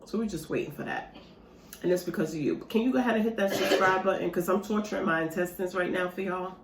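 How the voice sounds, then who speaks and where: This vlogger talks fast in a fairly low voice, and there's a slight hiss or hum on the track. Eating dessert at home, she chats casually and animatedly with viewers in a mukbang format, and the room sounds echoey.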